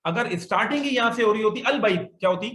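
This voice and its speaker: A man's voice: high-pitched, quick pace, bright, forceful tone. A male Arabic grammar teacher who patiently explains the rules and has his students repeat words back to him. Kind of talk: classroom lesson with call-and-response drills. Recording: echoey room, faint noise.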